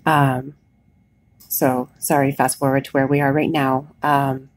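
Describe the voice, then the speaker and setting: A woman recording a casual, candid video diary, sounding weak and worn out after surgery, talking haltingly. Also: very deep voice, little pitch movement, dry recording. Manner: candid, plain-spoken. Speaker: patient vlogger recording a recovery diary. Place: hospital bed, indoors.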